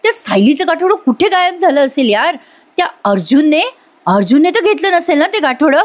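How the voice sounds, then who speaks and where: A scheming young wife, fretting under her breath and then hissing threats, read by a woman narrating a serial recap. The voice sits high, a touch raised over the teller's usual. It plays as a story retold at home, not a full performance. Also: very animated, fairly quick. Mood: fretful. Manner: muttering to herself, then menacing.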